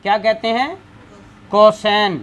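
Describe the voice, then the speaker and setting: A man's voice: high voice, fairly even intonation, takes it slowly, fairly bright tone. A man giving a classroom lecture as a law exam tutor, asking questions and answering them himself.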